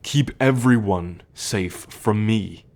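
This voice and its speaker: Playing a troubled werewolf who wants to protect someone, a young man speaks in an earnest ASMR roleplay with a fairly low, slightly mellow voice. He confides in a measured, halting rhythm.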